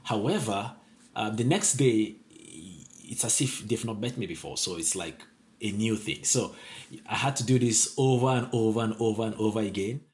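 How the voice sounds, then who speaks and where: A man's voice: lowish voice, normal speed, a little mellow. A young man from Nigeria, a PhD student in optics, speaking earnestly in an interview and repeating words for emphasis. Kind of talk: interview testimony.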